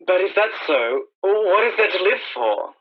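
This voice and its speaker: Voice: mid-range voice, big pitch swings, measured pace. An actor playing a lost, despairing wanderer in a radio play, hesitant and questioning. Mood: searching, despairing. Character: lost, despairing wandering survivor seeking people. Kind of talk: dramatised radio play dialogue. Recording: thin telephone-like radio sound.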